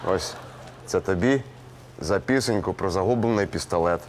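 An actor playing a petty, bossy policeman who mulls over rhymes slowly and snaps orders. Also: sits low, a little hiss or hum, natural voice. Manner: bossy, drawn-out musing. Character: petty male cop making up mocking songs. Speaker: police officer.

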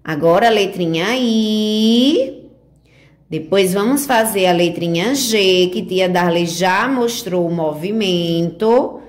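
Woman teacher from brazil walking little kids thru letter strokes, really slow and sing-songy. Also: mid-range voice. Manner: slow, sing-song teacher talk with diminutives, guiding each stroke. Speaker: preschool teacher. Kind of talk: remote handwriting lesson for young children.

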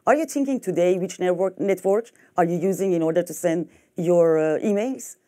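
Woman, middle-aged, French accent, conference speaker; lowish, mellow voice, emphatic delivery. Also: moderate pace. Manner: lively, emphatic, with restarts. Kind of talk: conference keynote talk. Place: hotel conference room.

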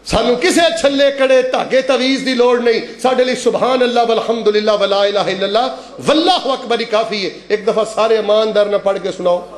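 A man with a high, ringing voice delivers a sermon. His pitch swings widely as he exhorts the crowd and drops into chanted couplets. The sound rings with room echo. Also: steady tone, brisk. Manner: preaching with sweeping pitch, calls the crowd to repeat aloud, chants verses. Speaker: preacher. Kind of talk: Friday sermon to a congregation.

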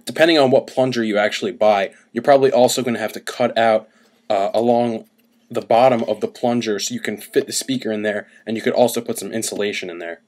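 In a cramped, messy room at home, a young man talks quickly into a webcam roughly an arm's length off, casually explaining how to do something with DIY music gear. His voice is fairly low, steady and a little mellow.

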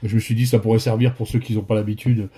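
A man's voice: lowish voice, level tone, fast, dark tone, breathy edge. A man from northern France with a Ch'ti accent, giving a casual painting tutorial in a rambling, friendly way with many fillers and restarts. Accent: northern French (Ch'ti).

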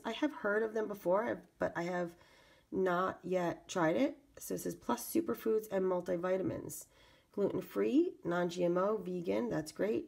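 A woman hosting a casual unboxing video, with a raspy voice congested from a cold, pausing as she reads and comments. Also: mid-range voice, darkish tone. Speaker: video channel host. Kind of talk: casual product unboxing narration.

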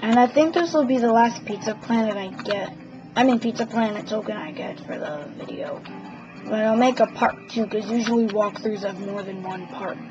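A woman's voice: medium pitch, normal speed. A young woman giving rambling, casual commentary while playing a video game, wandering into chatty asides. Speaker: gamer. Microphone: camera filming a TV screen. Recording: dull lo-fi home video with game music. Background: game music.

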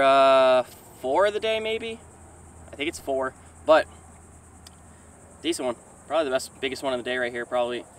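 A man's voice: mid-range voice, fairly bright tone, slight background noise. A young man vlogging from a small boat, chatting casually and thinking aloud while he fishes, recorded on a boat-mounted action camera. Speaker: fishing vlogger. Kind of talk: casual outdoor commentary. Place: small boat on open water outdoors.

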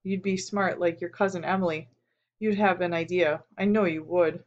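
A woman's voice: fairly low pitch, fairly even intonation, moderate pace, muffled recording, lightly acted. A hesitant teenage boy, read by a woman. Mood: tender. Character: teenage boy, guilt-ridden and quiet. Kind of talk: audiobook character reading.

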